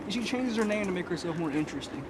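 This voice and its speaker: A young college student chats while walking outdoors at night, rambling and laughing between his thoughts. His voice sits high. Passing traffic fills the street behind him on a handheld camera. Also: animated, racing. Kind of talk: casual chat while walking.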